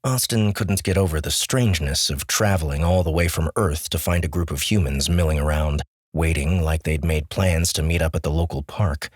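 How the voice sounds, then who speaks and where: A male audiobook narrator reads a script steadily and deliberately. Close, dry recording leaves his low, deep voice free of any room sound.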